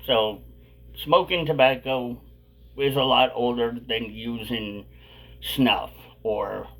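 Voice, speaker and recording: A man's voice: medium pitch, fairly even intonation, slow pace, creaky, a bit bright. A man hosting a casual vlog, talking with a dip of chewing tobacco tucked in his lip. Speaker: video host.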